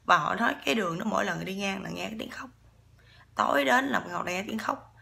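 A woman with a Southern Vietnamese accent tells a ghost story in a relaxed, chatty way and keeps turning to her listeners. Her voice is bright and pointed, with a gravelly fry running through it. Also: mid-range voice, fast talker. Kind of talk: casual ghost-story telling.

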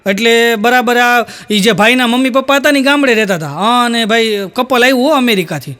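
High-voiced Kathiyawadi comedian man. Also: fairly quick, pushed and bright. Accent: Kathiyawadi Gujarati. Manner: storytelling full of "he said" tags. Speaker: stand-up comedian. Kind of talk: live stand-up joke telling.

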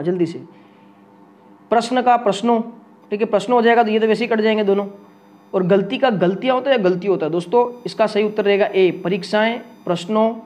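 A young man teaches exam grammar in a lively, coaxing way. His voice sits noticeably high, and he keeps asking his viewers for answers. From India. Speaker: Hindi exam coaching teacher. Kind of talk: solving test questions for viewers.

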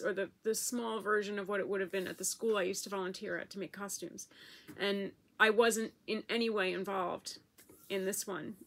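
A woman speaks to camera in her own video blog. She is close to tears, and her talk is emotional and halting. Her pitch sits in the middle range. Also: fairly bright tone. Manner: emotional, halting, tearful at times. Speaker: vlogger.

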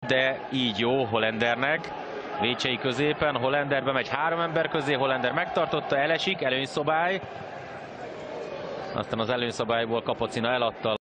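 A man commentating live on a football match. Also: medium pitch. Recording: broadcast with clear stadium noise.

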